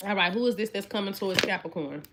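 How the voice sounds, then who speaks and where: A tarot reader in her twenties talks at a quick pace in a mid-range voice. Her casual reading is chatty and repetitive, aimed straight at her viewers. The sound of shuffling cards and clicks is clearly present.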